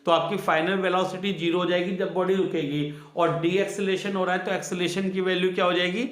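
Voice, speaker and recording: A man's voice: high voice, little pitch movement, fast, fairly bright tone, reverberant. A male science teacher giving a classroom physics lesson, asking the students questions and repeating each key answer twice, with on the terms.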